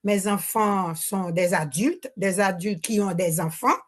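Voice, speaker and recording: An older woman from Haiti speaks into a handheld microphone, her French full of Haitian accent and Creole turns. She restarts her sentences and gropes for words, her pitch sitting in an ordinary middle range. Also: measured pace. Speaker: audience member asking a question. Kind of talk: spontaneous remarks at a public Q&A.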